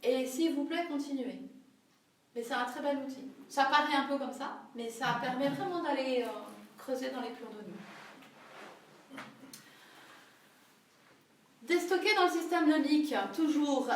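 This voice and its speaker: A woman's voice: high voice, unhurried, pauses often. A woman leading a group workshop in a conversational teaching manner, often checking in with her listeners. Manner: conversational, frequent tag questions. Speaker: workshop leader. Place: room with a small group. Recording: very echoey room, far from the mic.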